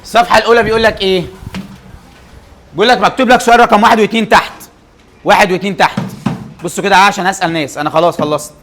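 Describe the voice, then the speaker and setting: A young man with an Egyptian Arabic accent, teaching an English grammar class. He keeps firing quick questions at his students and answering them himself. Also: sits high, a bit bright, a little hiss or hum.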